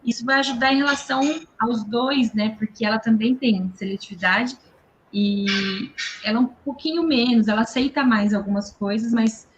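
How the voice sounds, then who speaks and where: A woman's voice: on the high side, normal speed, lo-fi sound, a little hiss or hum. A woman, a mother and guest, talking eagerly on a video call, often restarting her sentences and tagging them with little checks. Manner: enthusiastic, hesitant restarts, frequent "né". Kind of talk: casual video call conversation.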